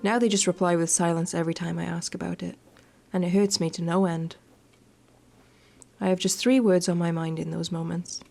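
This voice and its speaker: Game music sits behind a woman with a lowish, warm voice, vocal fry and a flat delivery, talking fairly quickly. She's a gaming video creator doing a visual novel playthrough. She reads the text aloud expressively and adds playful asides.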